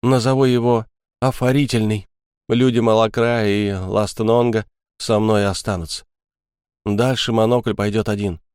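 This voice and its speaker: A man's voice: lowish voice, steady tone, normal speed, a little mellow, clear, resonant tone, dry recording, clean studio sound, natural voice. A man voicing an agitated young man, torn between fear and anger, who snaps and pushes through his words. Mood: resolute. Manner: agitated, snapping. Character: agitated young male friend, scared and angry.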